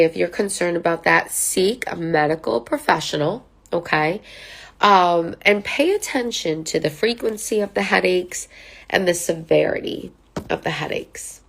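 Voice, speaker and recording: A woman with a lowish, gravelly voice gives an informal talk to camera from notes about mental health, which she counsels on. She speaks at normal speed, conversationally, with many fillers and tag questions such as "right?" and "okay?", and sounds nasal because of a sinus infection.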